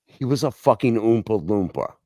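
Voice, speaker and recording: A Marine veteran guest tells boot camp stories in casual chat, blunt, animated and heavy on profanity. His voice is lowish at normal speed, with studio-quality sound and no room noise.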